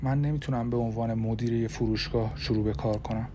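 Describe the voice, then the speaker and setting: A man voicing a steady young husband in an audiobook, speaking gently and reassuringly. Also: mid-range voice, background noise, lightly acted. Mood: tender. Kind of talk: audiobook character voice.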